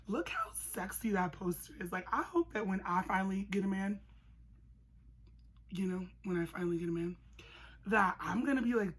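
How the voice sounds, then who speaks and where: A young woman giving a casual, comedic recap in an animated, sarcastic way, with slangy phrasing and a husky, breathy voice. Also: fairly low pitch, poor audio. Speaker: movie reviewer.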